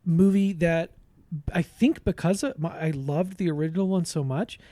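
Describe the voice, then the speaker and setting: A man in his thirties chats on a podcast and tells animated stories, laughing often. His voice sits high but sounds mellow and dark in tone. The recording is dry and close. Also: moderate pace, no echo. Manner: animated storyteller, laughs often, shouts when quoting himself. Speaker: podcast co-host. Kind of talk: casual chat.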